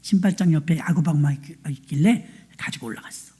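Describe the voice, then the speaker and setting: A woman's voice: deep voice, fairly quick, dark tone, husky. A woman pastor telling a story in a sermon, plain-spoken and colloquial, acting out the voices of the people in it. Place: church.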